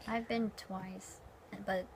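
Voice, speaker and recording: A young woman with a slightly creaky voice, talking casually in short personal remarks. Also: mid-range voice, flat delivery, takes it slowly, slight background noise, rough recording. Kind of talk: casual chat.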